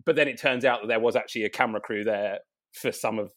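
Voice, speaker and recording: A man's voice: lowish voice, a bit bright. A British man, a writer and journalist, guesting on a podcast, rambling through stories with many restarts. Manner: rapid, rambling storytelling with many restarts and self-interruptions. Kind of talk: casual chat.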